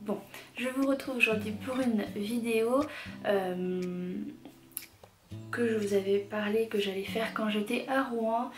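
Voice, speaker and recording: Halting young Frenchwoman, tongue slightly swollen. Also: on the high side. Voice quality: slightly impeded speech from a swollen, bitten tongue. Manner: halting, rambling, with repeated self-corrections. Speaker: vlogger telling a personal story. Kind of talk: casual storytelling chat to camera. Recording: echoey room, music behind.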